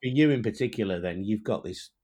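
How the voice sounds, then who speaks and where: A man hosting a podcast interview, asking gentle, measured questions. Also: fairly low pitch, lively intonation, slightly rough. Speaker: podcast host.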